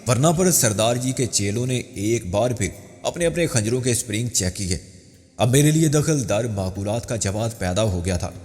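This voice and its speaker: A man narrating a crime thriller novel as an audiobook, with steady storytelling. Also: on the low side. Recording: long hall reverb with faint music.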